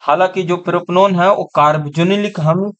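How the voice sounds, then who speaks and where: A man's voice: high-pitched, fairly even intonation, moderate pace, fairly bright tone. A man teaching an exam-prep science class online, repeating terms and often checking that students follow.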